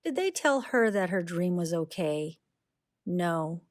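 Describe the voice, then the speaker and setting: This rhyming picture book for kids is read aloud by a woman whose voice sits on the low side; she tells it in a deliberate, expressive way.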